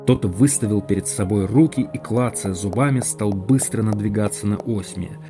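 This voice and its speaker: A man narrating an audiobook in steady, measured scripted storytelling. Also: on the low side, music in the background.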